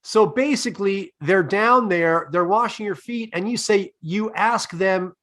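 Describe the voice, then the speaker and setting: A man with a high voice hosts a comedy podcast. He lays out long, deadpan, profane setups before each question. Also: measured pace. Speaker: podcast host. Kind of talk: comedic interview.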